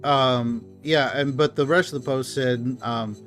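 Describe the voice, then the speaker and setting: A man's voice: medium pitch, fairly even intonation, measured pace, a bit bright, faint music behind. A man co-hosting a casual podcast, ranting profanely and reading chat messages aloud. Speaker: podcast co-host.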